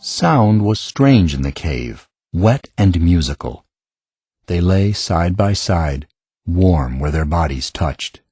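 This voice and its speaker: A man narrating a fantasy audiobook in a calm, measured way, recorded in a studio. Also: low voice, slightly rough, no room sound, faint music behind. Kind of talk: scripted narration.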